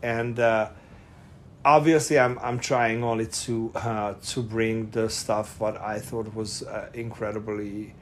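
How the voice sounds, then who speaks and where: A middle-aged Hungarian interview guest with a Hungarian accent talks slowly in a lowish voice with little pitch movement. The chat is casual, and he's hesitant, filling it with fillers, restarts and frequent laughter, over slight background noise.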